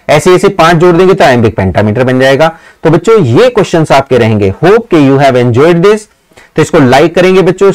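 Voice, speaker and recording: A male teacher running a live online exam-prep class. He reads English questions out slowly, explains them in Hindi, and praises students by name. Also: fairly high pitch, low-quality recording.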